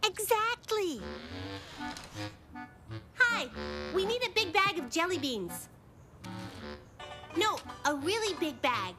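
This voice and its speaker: A woman voicing a bossy, quick-witted, determined little girl in a children's cartoon, speaking decisively and plainly. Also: extremely high pitch, very animated, music in the background, heavily acted. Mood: eager.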